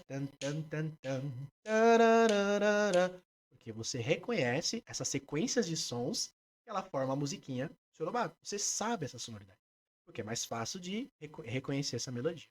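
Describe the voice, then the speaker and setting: A man with a Brazilian Portuguese accent, a music therapist being interviewed, explaining his work in a lively way and breaking into short sung examples. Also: on the high side, fast talker, slight background noise. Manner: animated, demonstrates by singing snippets.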